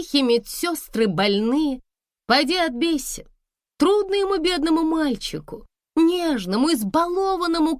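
A woman's voice: sits high, dry recording, studio quality, voice pushed up, heavily acted. A woman voicing a confident, mocking middle-aged wife who speaks with sarcastic scorn and keeps pressing her rival.

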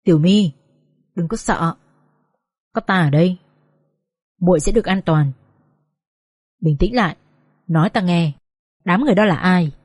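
A woman doing a calm, protective gang elder. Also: on the low side, rapid-fire, few pauses, no room sound, clean studio sound, voice pushed down, close to an everyday voice. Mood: soothing. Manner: soothing yet firm, old-fashioned address. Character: calm, protective older male gang leader.

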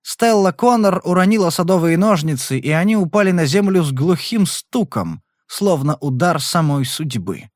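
A man narrating a detective novel aloud in an expressive storytelling manner. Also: a little high, moderate pace, few pauses, no echo, clean studio sound. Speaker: audiobook reader. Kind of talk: scripted narration.

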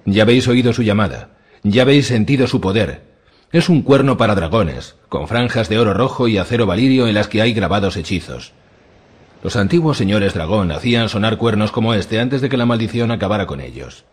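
A man's voice: lowish voice, animated, a little fast, slightly rough. A man voicing a scheming, ambitious male pirate lord in an audiobook reading, with a boastful, grandiose manner.

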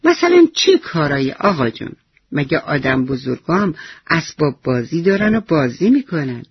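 A man's voice: on the high side, animated, creaky, breathy edge, dry recording, muffled recording, full character voice. A man voicing a curious, eager little boy. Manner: eager and wondering. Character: cheerful, curious young boy.

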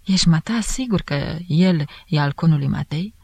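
A woman voicing a smug, flirtatious middle-aged police chief who coaxes and drops into hushed asides. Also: deep voice, expressive, creaky, slightly rough, no echo, heavily acted. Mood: coaxing. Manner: sly coaxing, slipping into hushed asides.

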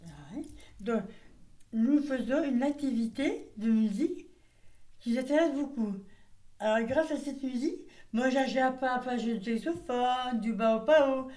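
Brief: woman resident, halting speech, soft dark tone, echoey distant recording. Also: sits high. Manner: slow, halting. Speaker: resident interviewer. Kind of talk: conversational interview. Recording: roomy, from far off.

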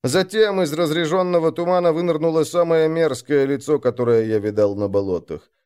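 A man narrating a dark first-person adventure story, slowing down and raising his voice for the shouted lines of other characters. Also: fairly high pitch, smooth.

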